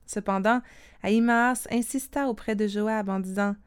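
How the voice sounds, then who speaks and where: Clear-voiced woman reading scripture. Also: mid-range voice, normal speed. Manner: calm steady reading with quoted speech.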